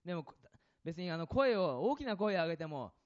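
A man's voice: sits high, fairly quick. Guy pastor giving a sermon, voice jumping all over, kinda muffled lo-fi audio. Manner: lively, questions the congregation, swings between loud and soft.

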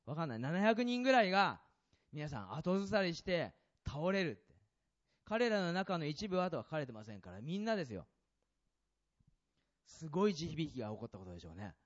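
A man preaching a sermon as a pastor, asking the congregation questions and swinging between loud and soft passages. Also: a little high, very animated, brisk, muffled recording.

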